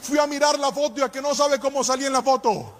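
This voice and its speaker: A man's voice: very high-pitched, quick pace, a bit bright, slight background noise. A man preaching a passionate sermon in a sing-song cadence, telling a story and speaking straight to his listeners. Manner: addresses listeners directly, calls for responses. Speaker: pastor.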